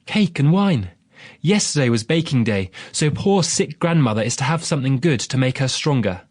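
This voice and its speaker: Man putting on a high-pitched innocent little girl. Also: expressive, normal speed, a little mellow, dry recording, studio quality, lightly acted. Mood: trusting, polite. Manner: polite, guileless.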